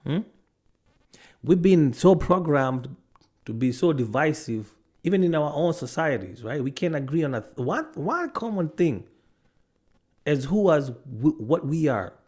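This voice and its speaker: A video commentator from Africa rants to camera, arguing hard and firing off one rhetorical question after another, pausing mid-rant to check his notes and restarting. His voice is on the high side, animated and a little mellow, and he doesn't hurry.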